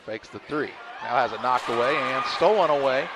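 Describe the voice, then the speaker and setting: A man calling a high school basketball game in quick, clipped play-by-play. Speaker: play-by-play announcer. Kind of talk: live sports commentary. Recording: crowd noise and gym ambience behind.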